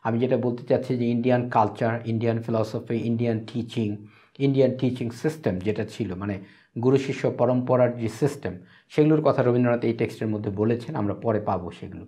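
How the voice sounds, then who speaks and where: A man, teaching a lesson. He reads English sentences slowly and explains them phrase by phrase. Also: mid-range voice, dark tone. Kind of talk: Bengali lecture explaining an English text.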